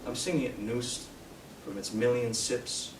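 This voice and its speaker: Reading his poems live in a bookshop, a young man from Canada speaks at a medium pitch and measured pace, steady in the verse but hesitant, with fillers, between poems. The poet is distant from the microphone, producing a roomy, distant, noisy live room sound.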